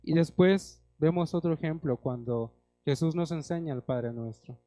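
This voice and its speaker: Young Mexican male preacher, earnest sermon delivery, a little high-pitched, dry sound. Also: normal speed, no echo. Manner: earnest, addresses the congregation as brothers, rises loud on scripture quotes.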